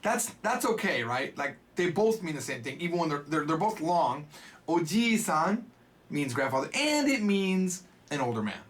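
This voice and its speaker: A man's voice: a little high, sing-song, normal speed, few pauses. A man giving a casual Japanese lesson, with playful, jokey asides. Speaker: Japanese teacher.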